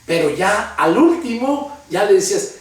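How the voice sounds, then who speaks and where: A man's voice: high voice, sing-song, measured pace. An older man from Mexico with a Mexican Spanish accent, a pastor telling his personal testimony in an earnest, heartfelt way. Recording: very echoey room, voice far from mic.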